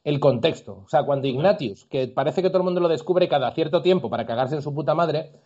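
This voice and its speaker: A man from Andalusia, hosting a casual discussion and arguing his points with lively examples. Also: fairly high pitch, quick pace, highs cut off. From Andalusia, Spain. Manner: lively, opinionated, argues with examples.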